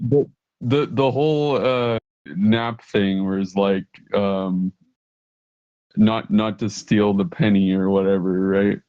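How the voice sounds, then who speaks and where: A man's voice: fairly low pitch, fairly even intonation, slow, mellow, no echo. A man in casual chat on a call, hesitant and stammering. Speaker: discord call participant. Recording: dull dry lo-fi mic.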